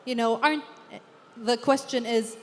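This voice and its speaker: On a book fair panel in a large hall, an author who is a native Arabic speaker talks earnestly, as if thinking aloud. Her voice is high and steady at a moderate pace, and the recording has long hall reverb with a faint hum in the background.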